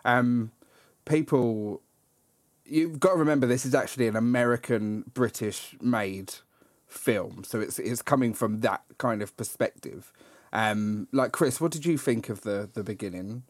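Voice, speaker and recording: A man's voice: medium pitch, measured pace, dry recording. A man hosting a casual film discussion, hesitant and full of fillers and restarts. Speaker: podcast host.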